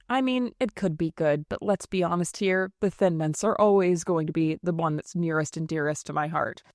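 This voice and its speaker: A woman narrates a history podcast from a script, her delivery snarky and irreverent. Her voice sits at an ordinary middle pitch. It sounds dry and close, with no room around it. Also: no room sound.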